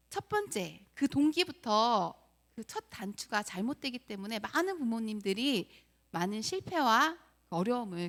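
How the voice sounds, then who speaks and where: A woman's voice: mid-range voice, fairly bright tone. A middle-aged woman preacher giving an earnest, confessional sermon, asking her listeners rhetorical questions.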